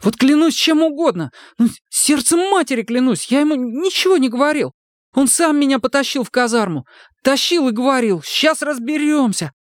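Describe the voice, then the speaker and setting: A man's voice: very high voice, no room sound, clean studio sound, pitched above the performer's own voice. A man voicing a frightened young male army recruit who squeals and pleads breathlessly. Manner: squealing, breathless, talking fast in panic.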